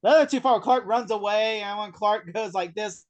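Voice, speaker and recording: A man co-hosting a casual TV recap chat, animated and acting out characters' lines as he talks. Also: high voice, moderate pace, lo-fi sound. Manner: animated, acts out characters in quotes. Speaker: podcast co-host.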